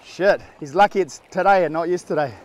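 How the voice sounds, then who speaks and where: A man in his forties with a New Zealand accent, hosting a fishing show from his boat, excited, whooping and swearing freely as he talks. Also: fairly high pitch, a little fast. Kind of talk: casual on-the-water commentary. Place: outdoors on the deck of a small fishing boat at sea. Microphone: action camera mounted on the boat. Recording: wind and engine noise on open water.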